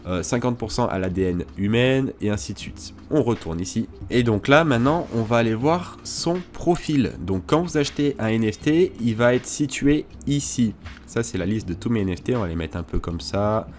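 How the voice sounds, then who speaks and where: A man's voice: medium pitch, animated, moderate pace, a little hiss or hum. A man hosting a crypto tutorial, talking casually through a screen walkthrough with hesitations and asides.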